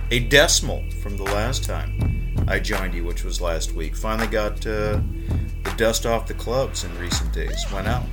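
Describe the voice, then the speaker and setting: A man hosting a podcast monologue, talking in a playful, wordy and emphatic way. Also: fairly low pitch. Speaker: podcast host.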